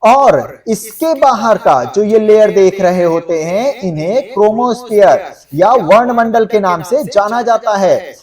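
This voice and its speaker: A male geography teacher coaching students for exams gives an explanatory, conversational lecture, frequently checking that they're keeping up. His voice is high with a darkish tone, picked up by a distant mic.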